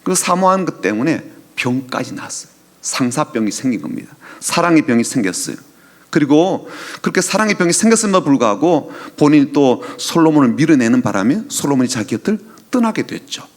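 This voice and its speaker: Lively Korean-speaking pastor preaching. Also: male voice, a little high, brisk. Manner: explains scripture conversationally, acting out quoted voices. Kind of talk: sermon.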